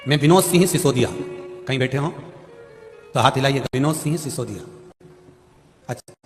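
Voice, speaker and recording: A man telling a devotional sermon in a folksy, animated way, acting out characters in quoted dialogue. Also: medium pitch, normal speed. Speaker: religious storyteller. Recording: live hall reverb with music behind.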